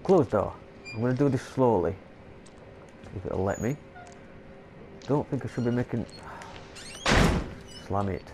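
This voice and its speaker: Congested with a cold, a man commentates casually on a horror game, stumbling over long words as he reads out notes. He speaks in a mid-range voice at a measured pace with long pauses, against background noise.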